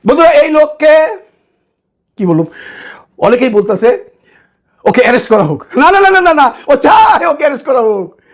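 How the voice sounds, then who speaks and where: A man giving heated online political commentary. He lets loose a scornful, shouting tirade and mixes English words into his speech. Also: very high-pitched, sing-song, normal speed, pauses often.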